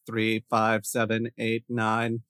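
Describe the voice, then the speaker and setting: A man putting on a flat monotone robot voice to read out a string of numbers slowly. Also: on the low side, clean tone, dry recording, clean studio sound. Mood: mechanical.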